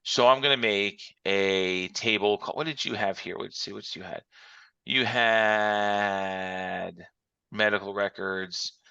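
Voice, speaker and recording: Bright-voiced man teaching over a conference call. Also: on the low side, steady tone, slow, creaky, clear, resonant tone, no room sound. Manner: walks through examples step by step. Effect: heard over a conference call. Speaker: instructor. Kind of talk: online class lecture. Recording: muffled, dry call audio.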